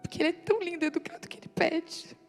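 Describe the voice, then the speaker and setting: A woman with a high voice preaches a heartfelt sermon in a church hall. She speaks with intense, pleading feeling and draws her phrases out slowly, while soft instrumental music plays faintly underneath. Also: vocal fry. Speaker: preacher at a women's church meeting. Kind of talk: emotional sermon.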